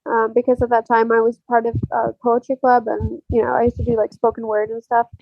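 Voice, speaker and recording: A young woman from Algeria, a podcast guest, talks in a casual, hesitant way with many fillers and soft laughs. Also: fairly high pitch, completely flat delivery, fairly quick, vocal fry, no echo, phone-quality sound. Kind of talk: casual interview chat.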